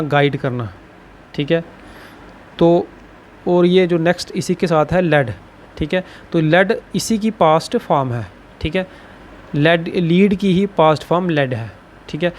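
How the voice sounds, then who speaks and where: A male shorthand teacher explains a lesson, tagging almost every phrase with "ठीक है" and repeating words slowly. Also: on the high side, slight background noise.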